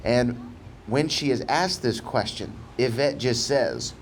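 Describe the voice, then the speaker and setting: A male podcast host talks casually over a low-quality audio stream, recorded outdoors on a balcony. His voice sits at an ordinary middle pitch, and faint outdoor noise runs under it as he rambles through his pitches. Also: slow pace. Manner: pitches movie ideas to an AI, chatty with restarts.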